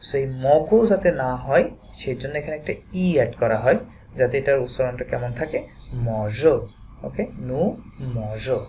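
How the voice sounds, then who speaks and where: A man teaching a French lesson, slowly and patiently repeating verb forms aloud. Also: mid-range voice, mellow, a little hiss or hum. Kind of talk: classroom lesson.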